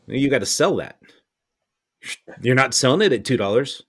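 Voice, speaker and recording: A man's voice: medium pitch, expressive, normal speed, fairly bright tone, slightly rough. A man in casual, opinionated conversation, ranting bluntly with exasperation and some swearing.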